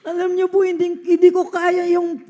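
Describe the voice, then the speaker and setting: A woman's voice: extremely high pitch, completely flat delivery, moderate pace, warm tone, some chatter behind. A woman from the Philippines giving an earnest testimony to a church congregation, often addressing her listeners as beloved.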